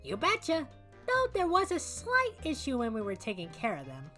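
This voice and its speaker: A woman's voice: high voice, wildly swooping pitch, normal speed, pushed and bright, faint music behind, heavily acted. A woman voicing a hyperkinetic, gleefully violent cartoon rabbit in a fan animation, wisecracking and flippant.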